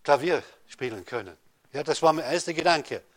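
A man preaching a sermon, addressing listeners directly with rhetorical questions and swinging between loud rises and soft drops. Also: on the high side, animated, normal speed. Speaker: pastor.

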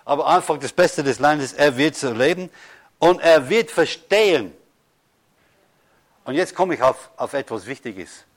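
Emphatic preaching pastor, slightly high voice. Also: male voice, lively intonation. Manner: preaching with emphatic slow stresses and rhetorical questions. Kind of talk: sermon.

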